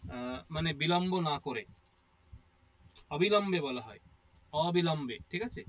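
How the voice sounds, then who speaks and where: A man's voice: on the high side, animated, measured pace, a bit bright, dull audio. Man explaining a lesson step by step. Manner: explains step by step, often asks "ঠিক আছে?". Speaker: Sanskrit teacher. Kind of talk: explanatory lecture.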